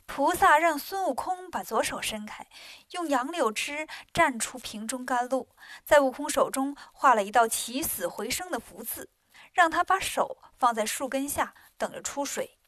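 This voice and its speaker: A woman tells a folk tale, playful and folksy. Her voice sits high. The sound is close and dry. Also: a bit bright, dry recording. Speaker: storyteller. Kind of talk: comic storytelling.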